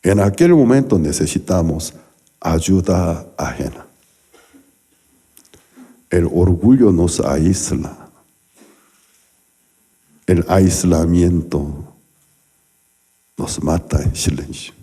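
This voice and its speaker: A man's voice: deep voice, very slow, pauses often, mellow, slightly rough. A male pastor delivering a sermon, telling stories animatedly with acted-out quotes and sound effects.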